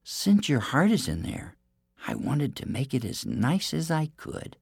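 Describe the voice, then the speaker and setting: A man voicing a gentle, clever young princess in a storybook, in a raised, softer voice. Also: fairly high pitch, wildly swooping pitch, measured pace, gravelly, husky, no echo, studio quality, voice pushed up, exaggerated voice. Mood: sweet.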